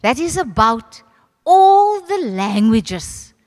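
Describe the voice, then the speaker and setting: High-pitched South African woman in echoey hall. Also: slow. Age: older. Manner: animated, direct, addresses the audience familiarly. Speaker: host of a ceremony, arts centre leader. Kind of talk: informal public speech. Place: large reverberant venue at a public ceremony. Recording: echoey hall with long reverb.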